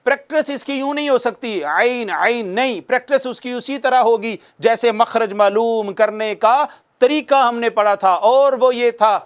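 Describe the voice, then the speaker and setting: High-voiced man teaching Quran recitation. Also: fairly even intonation, clean tone. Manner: slow drawn-out recitation of verses, then explaining and having viewers repeat; asks questions and answers them himself. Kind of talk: televised tajweed lesson. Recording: studio broadcast.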